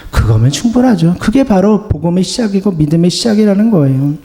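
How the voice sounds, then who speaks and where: A man preaching a gentle sermon as pastor, voicing the Lord's comforting words to the congregation. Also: high voice, sing-song, quick pace. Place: church sanctuary. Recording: long church reverb.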